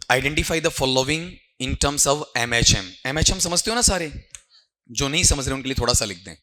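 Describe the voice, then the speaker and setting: A male tutor runs through exam questions, quizzing his students as he goes. His voice is middle in pitch and bright and forceful. He checks in with "ठीक है" again and again. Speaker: teacher. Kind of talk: exam-prep lecture.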